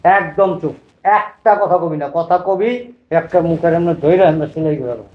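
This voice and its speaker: A man's voice: on the high side, brisk, echoey room, narrow, tinny audio, lightly acted. A man playing a stern older father-in-law who commands and scolds. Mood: angry. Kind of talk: web drama acting.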